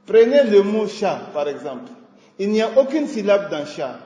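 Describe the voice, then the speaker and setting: A man teaching a scripted radio lesson, speaking in a slow, deliberate teaching manner. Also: sits high, very animated, dark tone. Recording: echoey hall with long reverb.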